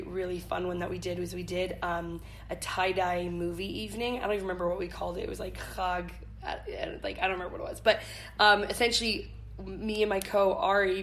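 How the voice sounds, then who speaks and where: Chatting as an interview guest, this camp staff leader is an American woman in her twenties with an informal, giggly manner. She has a medium-pitched, fairly bright voice. The recording carries noticeable background noise.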